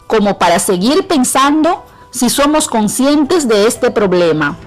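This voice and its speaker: A middle-aged woman with a Peruvian accent, a teacher giving a clear, measured lesson on an educational radio program. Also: a little high, very animated, faint music behind, rough recording. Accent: Peruvian Spanish. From Peru. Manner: clear, measured instruction to students.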